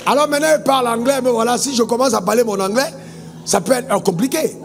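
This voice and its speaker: A man's voice: very high-pitched, fast, vocal fry. A man from Côte d'Ivoire preaching a sermon as a pastor, emphatic, telling stories and calling on the congregation for amens. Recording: long reverb with faint music.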